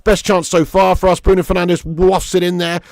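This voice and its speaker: A British man doing live football watch-along commentary and chatting casually with viewers in an animated, blokey, sweary, matey way. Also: high-pitched, normal speed, no room sound. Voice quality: raspy, smoker's laugh.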